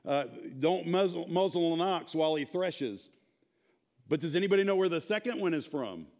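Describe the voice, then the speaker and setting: A man in his thirties teaching a church class in an animated, informal way, quizzing the group. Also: on the high side, normal speed. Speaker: Bible teacher. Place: church sanctuary, speaking to a small audience.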